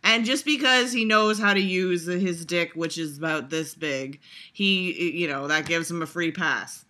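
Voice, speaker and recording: A woman vlogger reacts to a trailer with a casual, exasperated, profane rant packed with fillers and restarts. Her lowish voice is pushed and bright, moving a little slowly.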